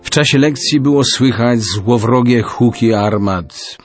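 A man narrating a storybook in an expressive reading style. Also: medium pitch, unhurried, faint music behind.

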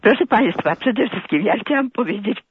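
Older woman calling in, husky and animated. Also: on the high side, moderate pace, dry recording. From Poland. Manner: indignant, animated, rambling complaint. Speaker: caller. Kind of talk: phone-in call to a radio talk show. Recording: muffled phone line, dry.

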